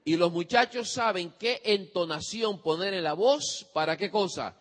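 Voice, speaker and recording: A man's voice: sits high, unhurried, a bit bright. A man preaching about parenting, telling a story and acting out the quotes while asking the audience questions. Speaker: preacher giving parenting advice. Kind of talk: sermon. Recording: long hall reverb.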